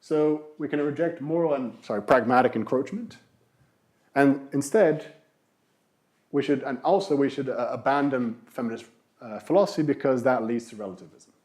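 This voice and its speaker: A man's voice: medium pitch, moderate pace, darkish tone. A man giving a university philosophy lecture, explaining with rhetorical questions and emphatic repetition. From Brazil.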